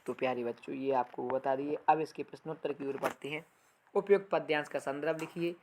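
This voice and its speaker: A woman giving an exam-prep lesson on a poem. She recites lines slowly and loudly, then explains them in a softer voice, calling her students dear children. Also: low-pitched, fairly even intonation, a little hiss or hum. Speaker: teacher.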